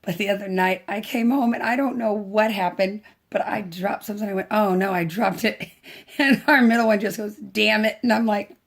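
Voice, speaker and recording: A woman telling family stories in an easygoing vlog chat. She talks in a bouncy, excitable way, often breaking into giggles and starting her sentences over. Her pitch sits in an ordinary middle range. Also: moderate pace. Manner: animated and giggly, with many restarts. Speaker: adoptive mother, vlogger. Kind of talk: casual chat.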